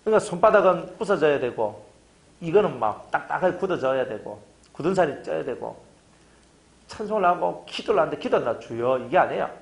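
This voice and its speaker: A man's voice: fairly high pitch, very animated, a little fast, vocal fry. A middle-aged male pastor, preaching a fervent sermon full of hammering rhetorical questions.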